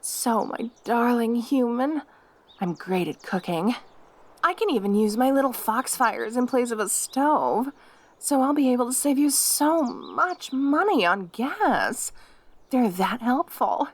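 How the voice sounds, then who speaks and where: A jealous fox girl, played by a woman in an audio role-play, with a lively, swooping voice. She taunts her rival and makes threats with gleeful, possessive menace. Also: on the high side, slow, full character voice. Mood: boastful, menacing.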